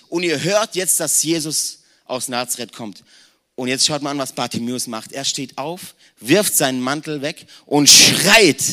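A man around forty preaching a lively sermon in a conversational tone, speaking straight to the congregation. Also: on the high side. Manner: conversational, addresses the congregation directly, mixes in English slang words. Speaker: pastor.

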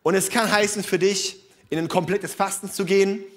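A man's voice: sits high, steady tone, moderate pace. A male preacher giving a sermon in a casual, emphatic way, often breaking in with informal asides.

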